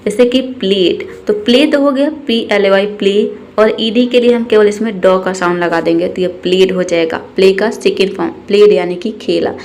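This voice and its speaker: Patient woman teacher spelling words slowly. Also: mid-range voice, a little mellow. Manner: explains patiently, asks and answers her own questions; spells words letter by letter, repeats them slowly. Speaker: English teacher. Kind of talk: spoken lesson on English pronunciation.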